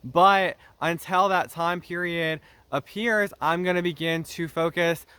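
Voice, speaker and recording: A young man talks straight to the camera about his own channel, earnest and a little defensive as he explains himself. His voice sits a bit high for a man and has a bright, forward edge. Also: steady tone, a little slow, smooth, dry recording. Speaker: YouTube channel host. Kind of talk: direct-to-camera vlog talk.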